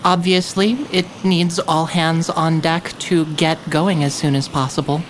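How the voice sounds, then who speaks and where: Woman rpg player, low and unhurried, describing her character's moves, bit of background noise. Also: level tone. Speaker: tabletop game player. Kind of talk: narrating character actions in a role-playing game.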